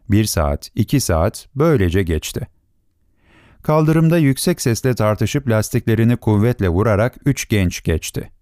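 A man narrating a classic short story in a calm, steady audiobook reading. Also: on the low side, no room sound, clean studio sound. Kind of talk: scripted narration.

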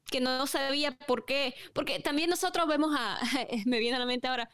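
A woman talks through a faith topic in a reflective, unhurried way, stopping and restarting her thoughts. Her voice sits a little high and comes across smooth and clear, recorded dry and close. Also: a bit bright, no echo. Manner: reflective, with frequent restarts and pauses. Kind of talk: casual faith discussion.

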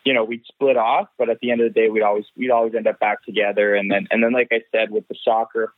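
A man's voice: fairly low pitch, flat delivery, fast talker, dry recording. A man from Canada, a race car driver, talking over the phone in an interview and often repeating words as he thinks. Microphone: phone line. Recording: tinny dry phone line.

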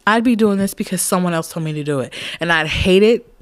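A woman's voice: fairly low pitch, fairly quick, no echo, studio quality. A woman in her late twenties talking candidly in a casual personal monologue, rambling and laughing often. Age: late 20s. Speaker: podcast host.

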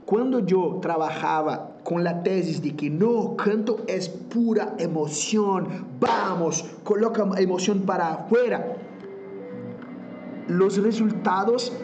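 A man with a Brazilian Portuguese accent, a native Portuguese speaker and vocal coach, explaining singing exercises in an interview, slipping in Portuguese words and stopping to demonstrate. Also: sits high. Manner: slips in Portuguese words, searches for words.

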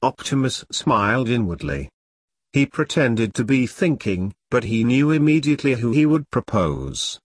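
A male narrator reads a story in a steady, measured way, his pitch rising and falling with lively movement. The recording is dry and close, with no room sound around his voice. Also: husky, no echo. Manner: steady storytelling read with dialogue. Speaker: audiobook narrator. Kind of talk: scripted narration.

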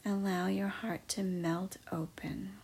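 A woman guiding a meditation in a soft, slow, mostly whispered voice. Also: mid-range voice, flat delivery, vocal fry, slightly rough. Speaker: meditation guide. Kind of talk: guided meditation.

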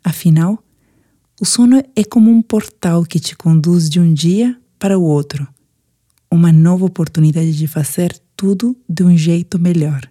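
A Brazilian woman with a fairly low voice narrates a scripted guided sleep meditation. Her delivery is soothing, gentle, and unhurried.

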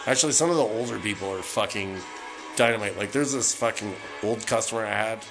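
On his solo podcast, a Canadian man with a lowish voice rants a little fast, cursing constantly as he rambles heatedly through a casual, profane tirade. A record player is playing music in the background, and the audio quality is low.

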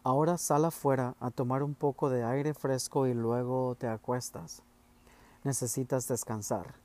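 A man voicing a caring, tearful mother who speaks softly and consolingly. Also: mid-range voice, steady tone, a little slow, close to an everyday voice. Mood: gentle consoling. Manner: soft, consoling, pleading.

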